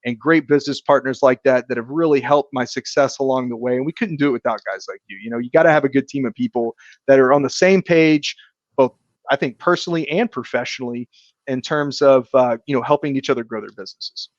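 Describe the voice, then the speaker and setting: A man speaking as a guest in a casual podcast chat, earnest and reflective, choosing his words deliberately. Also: mid-range voice, no room sound, muffled recording. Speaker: podcast guest, insurance agent.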